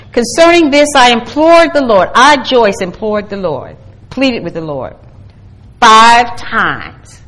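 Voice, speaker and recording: A woman's voice: a little high, fairly bright tone, rough recording. A woman teaching a Bible study to a group, earnest and calling for responses, building to emphatic exhortation.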